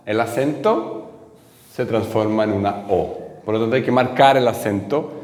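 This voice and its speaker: A man explaining a lesson patiently, often checking in with his listeners. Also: medium pitch. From Chile. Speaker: teacher. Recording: echoey hall.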